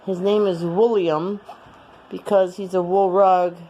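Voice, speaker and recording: A woman filming at home, cooing baby talk to her cats in drawn-out, sing-song phrases. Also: on the low side, level tone, dark tone, lo-fi sound, a little hiss or hum. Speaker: cat rescuer filming her pets. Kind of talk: casual home video talking to cats. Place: at home indoors.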